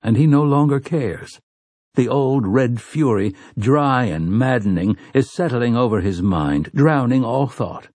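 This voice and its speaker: A husky-voiced man reads a dark fantasy audiobook with measured, intense pacing. His mid-range voice sits close to the mic, completely dry with no room sound. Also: medium pitch, animated, dry recording. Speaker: audiobook narrator. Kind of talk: scripted dramatic narration.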